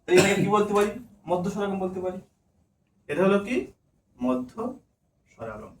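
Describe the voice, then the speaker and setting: A man's voice: high voice, little pitch movement, fast. A man with a Bengali accent giving a demonstration lesson, asking questions and answering them himself. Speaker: teacher candidate giving a demo lesson. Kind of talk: classroom teaching demonstration. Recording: echoey room, far mic, faint noise.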